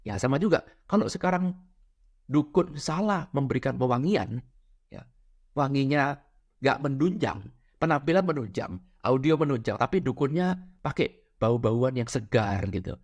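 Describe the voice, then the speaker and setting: Lively male lecturer. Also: medium pitch, moderate pace. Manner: lively, peppers talk with "ya" and "benar ya?". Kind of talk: casual spiritual lecture.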